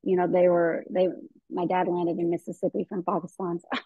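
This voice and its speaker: A woman's voice: lowish voice, little pitch movement, a little fast, warm tone, slightly rough, dry recording. A woman gynecologist from the American South, speaking as a guest in a webinar interview over a video call, thinking aloud with many fillers and restarts. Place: indoor room at home. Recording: dull dry video call audio.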